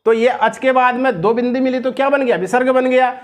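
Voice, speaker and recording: High-voiced North Indian male teacher. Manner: drills the student with repeated questions, slows to recite rules. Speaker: Sanskrit grammar teacher. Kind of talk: question-and-answer grammar lesson.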